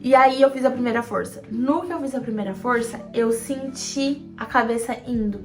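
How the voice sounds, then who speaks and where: A woman's voice: a little high, moderate pace, soft background music. A young woman with a Brazilian accent, casually telling her birth story to camera in a chatty, repetitive way. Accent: Brazilian Portuguese. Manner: chatty, repetitive "e aí" storytelling, acts out quoted lines.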